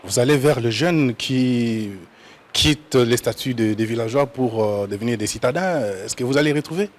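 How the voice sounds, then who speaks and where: Friendly male TV host, halting. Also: mid-range voice. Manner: friendly, hesitant with repeated words. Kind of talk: studio interview. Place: TV studio.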